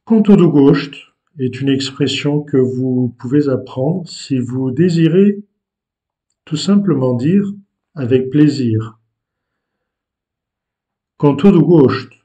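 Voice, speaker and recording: A male language teacher explains vocabulary to learners slowly and deliberately, in a patient, explanatory manner. His medium-pitched voice is mellow and dark, and he pauses and hesitates between phrases.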